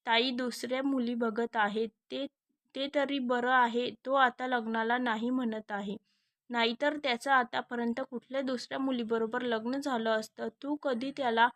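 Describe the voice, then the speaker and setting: A woman's voice: fairly high pitch, steady tone, normal speed, a bit bright, dry recording. Woman doing a conniving, pushy mother. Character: scheming middle-aged mother.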